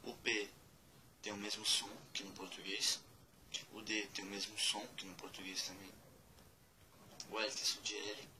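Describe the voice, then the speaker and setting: Male tutor, unhurried, spells and repeats, a touch low, faint room hum behind. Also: level tone. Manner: slow and deliberate, spelling out letters and repeating words. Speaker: language teacher. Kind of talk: casual spoken lesson.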